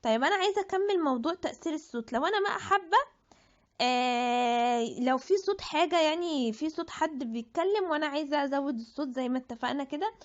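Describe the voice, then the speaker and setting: Egyptian woman walking thru an app tutorial, quick and high, kinda dull lo-fi sound. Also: expressive. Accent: Egyptian Arabic. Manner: chatty, thinks aloud with restarts. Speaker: tutorial presenter. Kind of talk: screen-recorded app tutorial. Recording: dull lo-fi audio.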